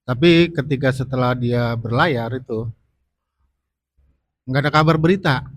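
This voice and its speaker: Male audience member, halting delivery, mid pitch, dry recording. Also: no room sound. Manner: hesitant, many fillers. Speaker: audience member asking a question.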